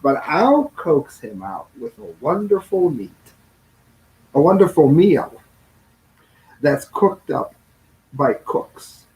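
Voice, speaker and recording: A storybook reader with a fairly high, darkish male voice reads a children's rhyming book aloud in a theatrical sing-song, stretching phrases. He sometimes stumbles over words and corrects himself. The audio is poor.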